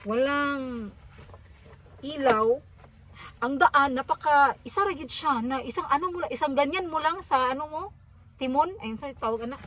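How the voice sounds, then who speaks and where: A woman in her thirties with a Filipino accent, vlogging as she tells an animated story on her travels. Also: high-pitched, moderate pace, long pauses. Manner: animated storytelling mixing languages. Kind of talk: casual vlog chat.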